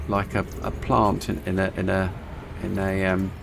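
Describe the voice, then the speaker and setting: Low-pitched man, w-for-r speech impediment, rambling gameplay chat, clear background noise. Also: monotone, moderate pace. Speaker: game streamer. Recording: clear background noise, vehicle-like game ambience.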